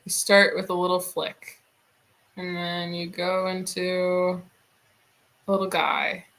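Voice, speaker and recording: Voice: medium pitch, monotone, slow, a bit bright, a little hiss or hum. A streamer in a casual drawing stream, musing aloud and swearing casually.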